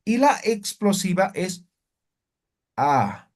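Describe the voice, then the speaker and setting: A man's voice: on the high side, animated, unhurried, darkish tone, a little hiss or hum. Patient man teaching with constant check-ins. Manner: explains patiently, repeats words and asks "¿no?" and "¿ya?" after most phrases. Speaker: language teacher. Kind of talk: spoken language lesson.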